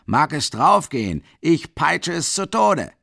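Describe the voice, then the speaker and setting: A man voicing a drunken, cruel male peasant carter who bellows loudly in a raised voice. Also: big pitch swings, slow, vocal fry, no echo, studio quality, full character voice. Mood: raging. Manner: bellowing, higher and louder than the narration.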